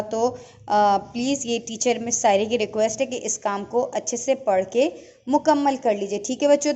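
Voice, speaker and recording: A woman teacher leads an online writing lesson for young children, speaking patiently and checking in with them often. Her voice sits a little high. The recording sounds dull and lo-fi. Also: a little mellow. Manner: patient, slow teacher talk with repeated checks.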